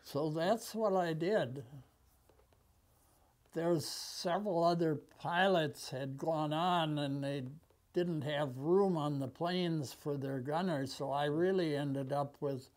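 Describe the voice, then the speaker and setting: An American man in his nineties with an aged voice, recounting memories conversationally and haltingly, with long pauses. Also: on the high side, a little mellow. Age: 90s. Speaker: war veteran being interviewed. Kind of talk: conversational reminiscence. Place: small office, indoors. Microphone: lapel mic.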